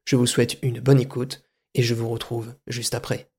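Male solo comedy host: deadpan, mock-grandiose, medium pitch. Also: moderate pace, slightly rough. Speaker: podcast host. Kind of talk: deadpan absurdist monologue.

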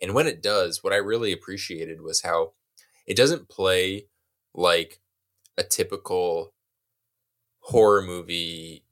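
Male podcast co-host, very deep voice, reflective and analytical. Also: takes it slowly, pauses often, a bit bright. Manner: thoughtful, analytical. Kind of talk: casual film discussion.

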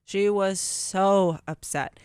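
A woman's voice: mid-range voice, slow pace, a little mellow, smooth, dry recording. A woman in her thirties, a radio guest telling a family story with emphatic repetition. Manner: emphatic, repeats herself. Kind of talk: radio interview, personal story.

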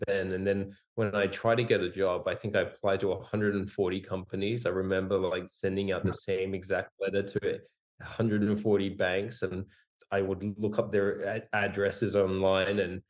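Speaking at a moderate pace in a low voice with little pitch movement, this Australian-born founder in his forties chats as a podcast guest. Raised in Singapore and Hong Kong, he keeps the interview casual and rambling, with humor at his own expense.

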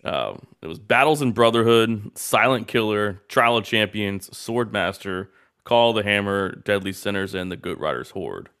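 A man's voice: lowish voice, expressive, moderate pace, a bit bright, clear, resonant tone. Easygoing male podcast host, rambling. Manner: laid-back, rambling, swears freely. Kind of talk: casual podcast chat.

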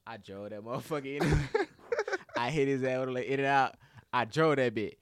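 A man's voice: mid-range voice, normal speed, crowd noise. A young man telling a story in casual chat, full of slang and laughter, acting out what other people said. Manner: animated storytelling, acts out other people's lines; heavy slang, laughs often.

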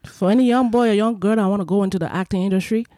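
A woman's voice: mid-range voice, racing, warm tone, a little hiss or hum, lightly acted. A woman putting on an as an emphatic advice-giver, instructing the listener. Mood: assertive.

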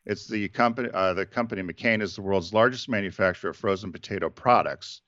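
A man's voice: fairly low pitch, fast talker, fairly bright tone, no room sound, muffled recording. A man co-hosting a casual business talk show, rambling with many fillers and restarts. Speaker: podcast co-host.

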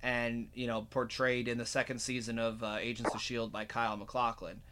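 A man's voice: mid-range voice, flat delivery, normal speed, bright, forceful tone. A man hosting a podcast in casual chat, rambling with many fillers and restarts. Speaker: podcast host.

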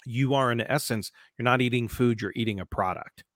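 A man's voice: medium pitch, brisk, no echo, clean studio sound. A nasal-voiced man in his forties with a Midwestern accent, a gym coach telling stories on a casual podcast with emphatic energy. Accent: Midwestern American.

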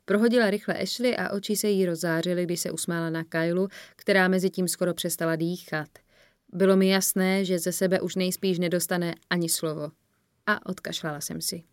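Low-voiced woman narrating an audiobook. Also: dry recording, clean studio sound. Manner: measured storytelling, voicing the characters. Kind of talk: first-person audiobook narration.

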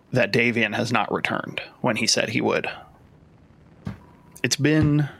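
Male game master, gravelly, hesitant delivery, full of restarts. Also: medium pitch, fairly bright tone. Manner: hesitant, many fillers and restarts. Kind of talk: narrating a tabletop game.

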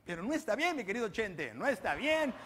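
Male presenter, Mexican accent, higher voice, cheeky slang-filled comic commentary in a studio. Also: big pitch swings, fairly quick, a bit bright, slight background noise. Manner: joking, slangy, teasing the studio crew. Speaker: guest presenter of a comedy panel show. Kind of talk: comedic show commentary.

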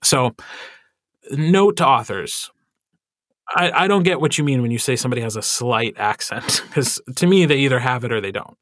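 A man who narrates audiobooks, chatting in a podcast interview with lots of fillers and animated asides. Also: mid-range voice, moderate pace, no echo, studio quality.

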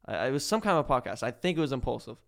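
A man's voice: mid-range voice, big pitch swings, very fast, creaky. A man talking as a podcast guest, telling a story in a rambling way, full of "like" and restarts. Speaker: podcast guest, prank video maker. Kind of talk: casual podcast chat.

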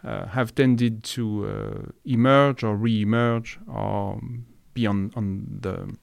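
A man's voice: fairly low pitch, lively intonation, takes it slowly, creaky, smooth, no echo, clean studio sound. A man hosting an academic interview podcast, hesitant and searching for words as he frames questions. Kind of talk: conversational interview.

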